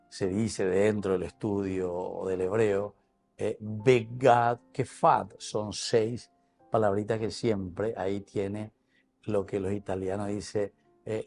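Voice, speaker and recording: A man's voice: lowish voice, gravelly, a little mellow. A man with a Paraguayan Spanish accent, a priest giving a teacherly Bible reflection on television. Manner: explanatory, teacherly.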